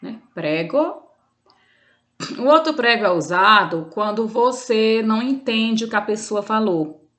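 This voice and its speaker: A woman's voice: fairly high pitch, normal speed, a bit bright. A Brazilian woman with a Brazilian Portuguese accent, an Italian teacher giving an online language lesson, explaining patiently with frequent fillers and restarts.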